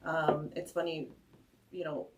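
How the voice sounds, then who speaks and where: A woman's voice: low-pitched, little pitch movement, measured pace, distant mic, noisy background. A woman who grew up in Canada, a podcast guest talking earnestly and often repeating her first words. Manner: earnest, repeats words when starting sentences. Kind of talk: casual interview chat.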